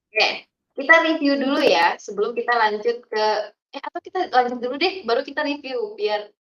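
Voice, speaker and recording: A woman's voice: fairly high pitch, lively intonation, moderate pace, a bit bright, reverberant, highs cut off. A woman leading a live online marketing class, prompting students for ideas and moving through the lesson. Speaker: class instructor.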